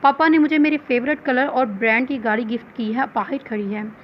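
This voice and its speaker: A woman's voice: high voice, steady tone, brisk, highs cut off, slight background noise, natural voice. A woman reading the lines of a cheerful, teasing young woman in a recorded novel. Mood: lively. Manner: playful and teasing.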